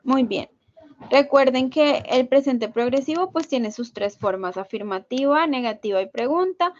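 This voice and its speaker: A woman leads an online English class, walking her students patiently through each rule and checking that they follow. Her voice sits a little high. The video call audio is dull and lo-fi. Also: animated, normal speed, no room sound. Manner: patient, explains step by step, checks in with "¿listo?". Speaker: English teacher.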